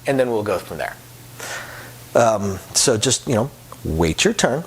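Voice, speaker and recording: A man's voice: fairly low pitch, lively intonation, measured pace, slightly rough. A man who works as a craps dealer explains table etiquette in a casual, rambling way, repeating words and using lots of fillers. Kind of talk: casual explanatory talk to camera.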